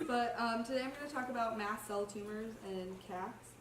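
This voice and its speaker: A woman's voice: a little high, normal speed. Young woman, student presenter, sick with a cough, hesitant casual explaining, echoey room, faint background noise. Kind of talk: informal slide presentation. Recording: roomy, distant mic, faint noise.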